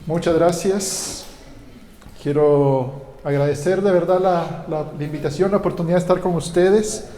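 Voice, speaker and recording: Recorded in a church hall with long, echoing reverb, a male pastor from Guatemala preaches in a conversational style, often using fillers and restarting sentences. He speaks at a measured pace in a dark-toned voice on the high side.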